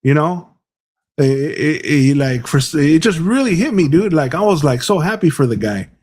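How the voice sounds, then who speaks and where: A man's voice: fairly high pitch, very animated, moderate pace, darkish tone, slightly rough. A middle-aged man co-hosting a podcast, telling stories in casual chat, rambling and restarting his words, with plenty of bro and dude. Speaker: podcast co-host.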